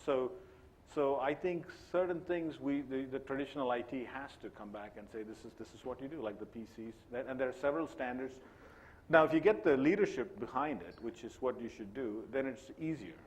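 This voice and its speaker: On a conference panel, a CIO speaks in a loose, conversational way, frequently restarting his sentences and saying "you know" a lot. His voice is medium-pitched and he talks a little fast.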